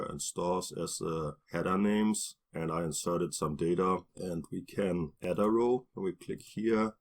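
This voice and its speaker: A man with a deep, slightly husky voice talks through a coding tutorial over his screen recording. He explains each step in a plain, unhurried way, stopping and restarting now and then. It sounds like a desktop mic voice-over. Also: a little mellow. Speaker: programming tutorial narrator.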